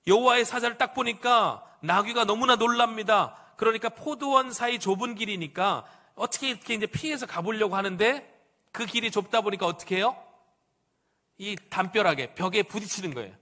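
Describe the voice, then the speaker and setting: Male pastor, animated sermon storyteller, high and bright voice, asks the congregation questions. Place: church sanctuary.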